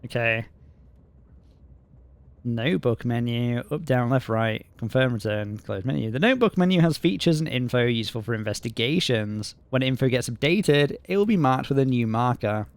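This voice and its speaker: A man's voice: medium pitch, expressive, normal speed, dry recording. A man streaming a video game, making dry, wry casual commentary.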